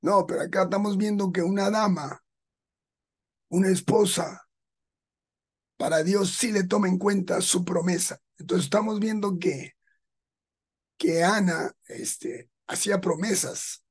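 A man preaches slowly and deliberately. His voice is slightly husky, and he explains each point with small rhetorical asides. The tone is that of a pastor teaching his congregation. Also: sits high. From Peru. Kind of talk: sermon.

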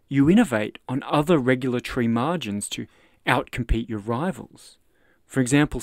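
An Australian man hosting a podcast, reading his own economics article aloud in a measured, explanatory way. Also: medium pitch, no room sound, clean studio sound. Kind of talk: read-aloud article narration.

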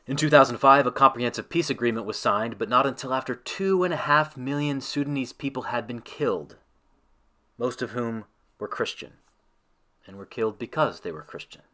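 Bright-voiced man reading a devotion. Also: medium pitch. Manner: measured, reverent reading. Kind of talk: scripted devotional narration ending in prayer.

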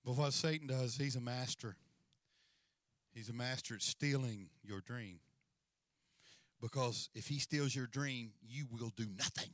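A man's voice: mid-range voice, measured pace, long pauses, a bit bright, no room sound. A middle-aged man preaching a sermon as senior pastor on a large church stage, with a handheld mic and a repetitive, rising and falling cadence.

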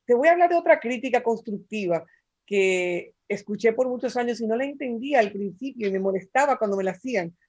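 An animated woman who talks as a guest expert on a talk show. Her voice sits a bit high. She acts out quotes with lively energy. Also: brisk. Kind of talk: radio talk show conversation.

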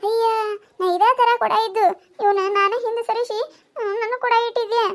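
A woman's voice: very high-pitched, steady tone, moderate pace, a little hiss or hum. A woman doing a squabbling village woman. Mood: indignant. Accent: North Karnataka Kannada. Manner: arguing, accusing, pleading. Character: quarrelsome village woman at the water tap. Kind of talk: cartoon voice acting.

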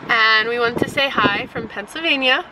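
A woman's voice: a little high, normal speed, noisy background. A young woman talking casually to the camera as a vlogger, rambling and chatty with frequent fillers. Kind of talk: casual vlog chat.

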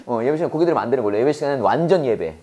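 A woman with a Korean accent teaching English at a church school, drilling phrases call-and-response and explaining quickly in Korean. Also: extremely low pitch, lively intonation, dark tone, husky. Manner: drills words by repetition, prompting the class to repeat; switches fast between slow English and rapid Korean explanation.

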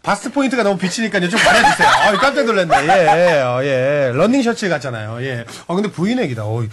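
A man hosting a radio show in casual chat, reacting quickly and brightly to his guests. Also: high-pitched, sing-song, very noisy. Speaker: radio host.

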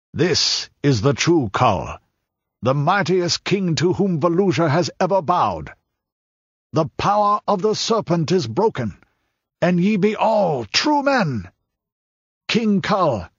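Declamatory envoy, raised husky voice, played by a man; storybook. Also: on the high side, no room sound, muffled recording, voice pushed up, heavily acted. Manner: proclaiming, declamatory. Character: commanding male envoy addressing a hall.

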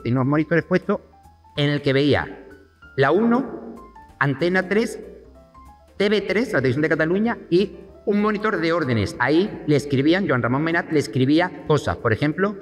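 Lively storytelling man, roomy hall sound. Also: fairly high pitch. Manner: lively storyteller, acts out quoted voices. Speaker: talk show guest. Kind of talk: animated anecdote telling.

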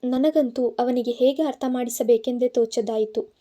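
A woman narrating a novel in first person in a steady storytelling manner. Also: a little high, moderate pace. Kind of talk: audiobook narration.

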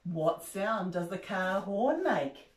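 Speaking slowly in a mid-range voice, an older woman from New Zealand, with a New Zealand accent, presents rhymetime at a library. She leads children's rhymes and songs cheerfully and with animation, singing and gasping to keep toddlers engaged. The audio is roomy, recorded by a distant camera in a small carpeted room indoors.

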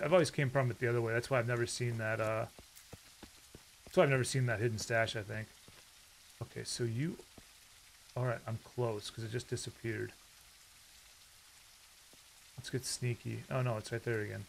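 A man's voice: mid-range voice, steady tone, brisk, gravelly, pauses often, a little hiss or hum. A man giving casual, rambling commentary while playing a game, often breaking into startled outbursts. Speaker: gaming YouTuber.

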